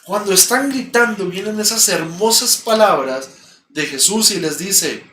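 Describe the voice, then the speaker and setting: A man's voice: high-pitched, animated, unhurried, sharp tone. A man with a Mexican accent preaching a sermon in a church, emphatic and repeating key phrases. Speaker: pastor. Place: church sanctuary. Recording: echoey church, distant mic, faint background hum.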